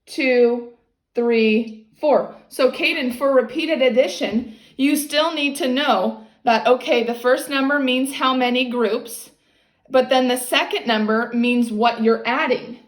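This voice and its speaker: Female tutor, high voice, patiently explaining to a young child step by step, encouraging, roomy echo on the recording. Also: slow pace. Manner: encouraging, explains step by step with frequent checks for understanding. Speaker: maths teacher tutoring a child. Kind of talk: one-on-one lesson, explaining to a child. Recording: echoey, roomy sound.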